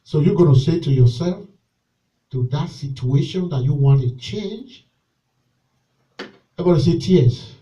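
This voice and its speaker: A man preaching at a church service with a noticeably high voice. He leads call-and-response lines and swings from shouted exhortation to soft pleading. The sound is picked up from some distance away. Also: animated, a little slow, pauses often, lo-fi sound. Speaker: pastor.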